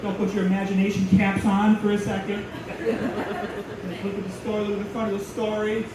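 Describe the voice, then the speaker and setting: A man's voice: high voice, completely flat delivery, fairly quick, natural voice. A man doing a mock-sweet storytime teacher, echoey venue. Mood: mock-innocent. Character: elementary teacher reading storytime, sugary yet crudely inappropriate. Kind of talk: stand-up comedy act-out. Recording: very echoey venue, distant mic, loud crowd, noise.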